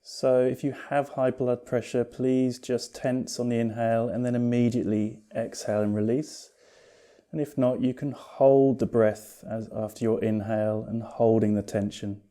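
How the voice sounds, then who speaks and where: Here a male teacher leads a yoga meditation in a medium-pitched voice. His words come calmly and without hurry, soothing and gently reassuring.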